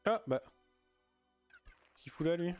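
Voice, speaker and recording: A man's voice: fairly high pitch, animated, measured pace, smooth, faint music behind. Offhand man muttering game commentary. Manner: offhand, muttering, crude slang. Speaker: gaming streamer. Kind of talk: casual let's play commentary.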